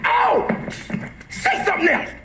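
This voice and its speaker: A man shouting and laughing from a distance. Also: a little slow, a little hiss or hum. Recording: roomy sound from far off.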